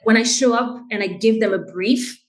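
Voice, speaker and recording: A woman's voice: on the high side, moderate pace, roomy sound, poor audio. A woman who grew up in Haiti, the guest in an interview, explaining her work in an earnest, conversational way. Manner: earnest, explains with "right?" and "you know". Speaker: guest, brand director.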